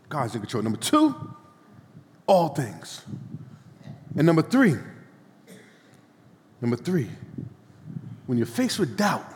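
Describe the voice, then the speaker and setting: A high-voiced man preaches with lively, swooping intonation, repeating lines and calling the congregation to answer back. His voice carries a long reverb from the church hall. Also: slight background noise. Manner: preaching with call-and-response and repetition. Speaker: pastor. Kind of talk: sermon.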